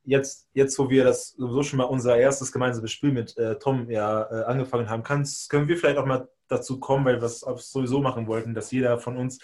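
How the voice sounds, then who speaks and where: A man from Hungary, a native Hungarian speaker, co-hosting a podcast and telling a long personal story in a rambling, self-correcting way. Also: medium pitch. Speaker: podcast co-host. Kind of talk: casual chat, personal storytelling.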